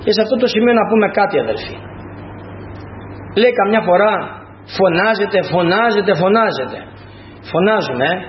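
A man with a high voice preaches a sermon, first reading scripture in a solemn, measured way and then expounding it with emphatic bursts. The sound is dull and lo-fi, caught in a roomy, echoing church. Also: a little hiss or hum. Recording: echoey, dull lo-fi church recording.

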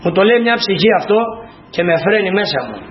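A man's voice: high voice, lively intonation. A man preaching a sermon to his congregation in an earnest, emphatic way, repeating key phrases. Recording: dull lo-fi recording with faint noise.

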